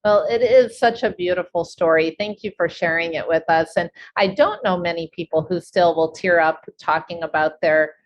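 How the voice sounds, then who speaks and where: Host, woman: lower voice, soft affirming reactions, faint hiss behind. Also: moderate pace, few pauses, lo-fi sound. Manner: affirming and gentle. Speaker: podcast host. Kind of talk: interview, responding to guest.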